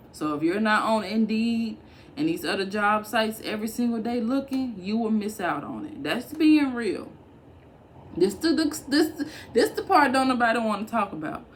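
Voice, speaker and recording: A woman's voice: medium pitch, a little hiss or hum. A woman giving casual, blunt work-from-home advice to camera, talking emphatically and colloquially.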